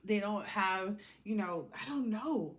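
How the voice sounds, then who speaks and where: This tarot reader's delivery is slow and expressive, with a medium-pitched voice. She reads the cards in a casual, intuitive way, speaking bluntly and informally and wandering into asides.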